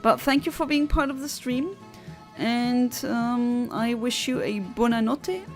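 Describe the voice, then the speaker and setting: A woman's voice: a little high, measured pace, faint music behind. A young woman from Luxembourg, chatting on a livestream headset mic, reading out viewer comments and giggling between rambling asides.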